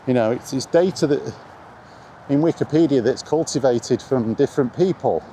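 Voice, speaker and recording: A middle-aged man with a medium-pitched, dark voice speaks at a normal speed. He's a video blogger walking outdoors in the rain, giving a casual, blunt opinion about retro games and repeating his points for emphasis. The recording is noisy, full of outdoor ambient sound.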